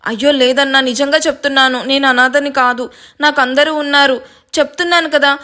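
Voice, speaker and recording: A woman's voice: high-pitched, fairly even intonation, brisk, sharp tone. A woman voicing a frightened young woman who tearfully begs her kidnappers. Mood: pleading. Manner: tearful, begging.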